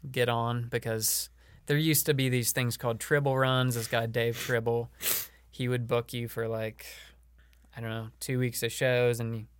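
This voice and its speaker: Rambling man, smooth and dry. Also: mid-range voice, little pitch movement, unhurried, no echo. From Illinois. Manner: rambling, laughs often, many fillers. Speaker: podcast guest, comedian and show producer. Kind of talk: casual podcast chat.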